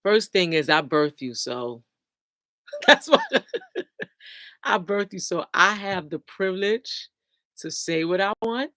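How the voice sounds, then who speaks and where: A woman's voice: fairly low pitch, expressive, slow, bright, forceful tone, no echo. A middle-aged woman, talking casually and bluntly to viewers on a livestream and laughing often. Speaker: livestream host.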